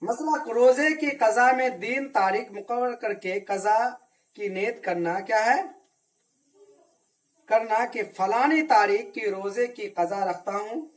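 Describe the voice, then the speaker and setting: Male religious teacher, children's lesson, self-answering questions, slow repetitive drilling. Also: high voice. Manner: asks questions and answers them himself. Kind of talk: Arabic reading lesson for children.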